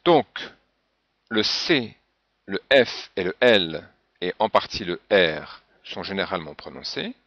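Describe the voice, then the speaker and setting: A man's voice: low voice, big pitch swings, slow, fairly bright tone, no echo. A man teaching a French pronunciation lesson, patiently spelling out example words one by one. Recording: dull, dry lo-fi recording.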